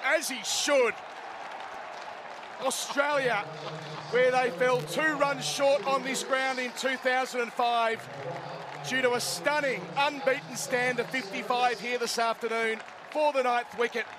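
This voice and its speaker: A very high-pitched male voice, level and unhurried, gives running radio commentary on a cricket match in clipped phrases. The recording clearly carries the crowd and outdoor ambience of the ground.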